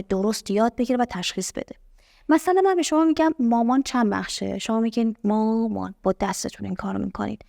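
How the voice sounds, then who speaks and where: A young woman with a fairly high voice teaches an English lesson. She is patient, asks her students questions, and says example words slowly so they can hear each syllable. Her voice is close and dry, with almost no room sound. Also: vocal fry, dark tone, dry recording. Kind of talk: explaining a language lesson.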